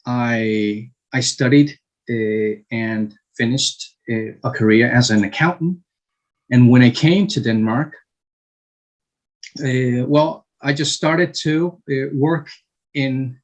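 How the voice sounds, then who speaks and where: A man in his fifties from Chile, answering interview questions slowly with frequent hesitations and restarts. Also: mid-range voice, low-quality recording. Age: 50s. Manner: slow, halting, many fillers and restarts. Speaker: guest.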